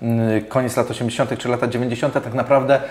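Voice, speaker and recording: A man's voice: medium pitch, level tone, quick pace, a little mellow. A man in his forties hosting a radio interview, asking long conversational questions in an office studio on a lapel mic. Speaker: radio host. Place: office studio with glass table. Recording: roomy echo.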